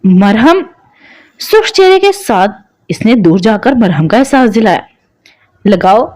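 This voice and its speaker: Expressive woman reading a romance novel. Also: fairly high pitch, moderate pace. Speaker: narrator.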